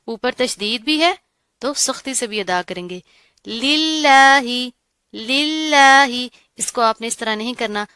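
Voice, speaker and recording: A woman teaching Quran recitation rules, explaining patiently and often checking in with the learner, with slow, melodic recitation. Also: a little high, lively intonation, fairly bright tone, clear, resonant tone, no echo. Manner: recites verses slowly and melodically. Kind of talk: tajweed lesson.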